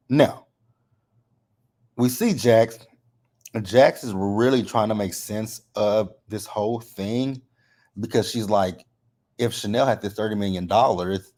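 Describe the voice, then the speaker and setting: Hosting a recap of a TV episode, a man speaks in a warm voice that sits on the low side. His delivery is relaxed and chatty, lisping slightly because of braces, and he frequently tags his remarks with "right?" as a question.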